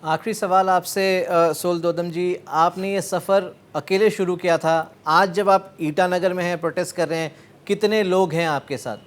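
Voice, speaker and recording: A man hosting a TV news show, interviewing a guest and wrapping up in a measured way, switching between Hindi and English. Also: high voice, steady tone.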